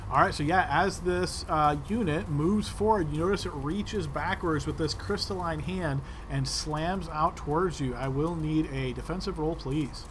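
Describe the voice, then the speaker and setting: A man's voice: on the high side, normal speed, few pauses, noisy background. A man acting as game master, narrating and refereeing a tabletop role-playing game.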